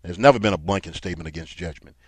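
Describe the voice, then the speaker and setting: Low-voiced male preacher teaching from scripture. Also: rapid-fire, slightly rough, no echo. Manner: reads scripture aloud, then explains it and grows emphatic. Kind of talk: Bible teaching sermon.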